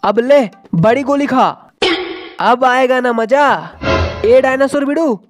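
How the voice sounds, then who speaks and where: A man's voice: extremely high pitch, takes it slowly, dry recording. A young man giving playful, dramatic comic gameplay commentary, bantering with his own characters. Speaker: gaming channel host. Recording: faint game music behind.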